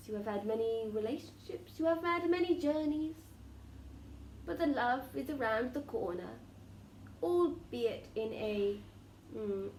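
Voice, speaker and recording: A woman speaks as a channelling medium in a seance, solemn and formal. Her voice sits a little high and moves very slowly, with deliberate pauses. The room adds clear echo around her oracular phrasing. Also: a little mellow. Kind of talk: trance channelling, like a seance medium delivering spiritual messages. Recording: roomy echo with faint background noise.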